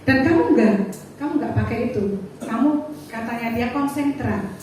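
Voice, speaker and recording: High-voiced woman testifying in an echoey hall. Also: moderate pace. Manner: animated storytelling, acting out dialogue with her husband. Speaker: church speaker giving a testimony. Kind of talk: sermon testimony. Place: church service hall. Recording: echoey hall, distant mic, faint noise.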